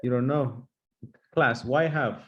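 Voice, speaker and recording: A man teaching English in a brisk, encouraging way, drilling grammar with his class in a comedic sketch. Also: medium pitch, a little hiss or hum. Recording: slightly muffled lo-fi recording.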